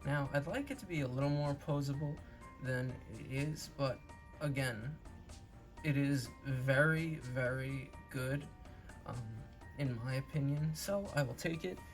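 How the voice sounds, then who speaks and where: A toy reviewer hosting his own channel gives a casual, earnest and enthusiastic hobby review, repeating himself, his speech affected by recovery from wisdom tooth removal. His voice is medium in pitch and unhurried, with faint music behind.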